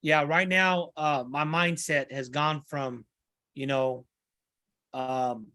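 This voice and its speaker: Earnest middle-aged man, higher-pitched voice. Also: fairly even intonation, slow, pushed and bright, dry recording, studio quality. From Santa Ana, California. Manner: earnest, repeats himself, many restarts. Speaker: guest. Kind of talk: podcast interview conversation.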